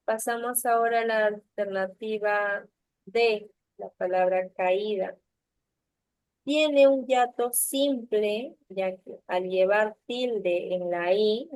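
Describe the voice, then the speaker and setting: Slow, patient woman teacher on a video call. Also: mid-range voice, darkish tone, no room sound, poor audio. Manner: patient, checks understanding with frequent tag questions. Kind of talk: online class lesson. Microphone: computer mic on a video call.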